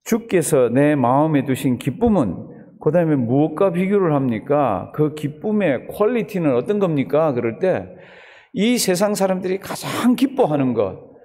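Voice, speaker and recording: A man's voice: on the high side, big pitch swings, normal speed, dark tone. A man preaching a dawn sermon as pastor, asking the congregation questions and answering them himself. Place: church sanctuary. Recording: long church hall reverb.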